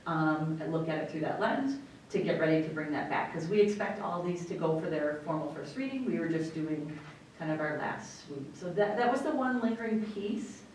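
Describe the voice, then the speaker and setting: An American woman explains business as a school superintendent at a meeting. Her voice is low. The recording is very echoey and distant, with faint rumbling noise. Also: animated, normal speed, darkish tone. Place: indoor meeting room.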